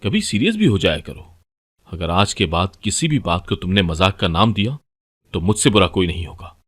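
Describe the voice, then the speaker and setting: A man voicing a stern young husband who is devoted to his sisters and speaks in a sharp, scolding way. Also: sits low, normal speed, slightly rough. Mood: angry.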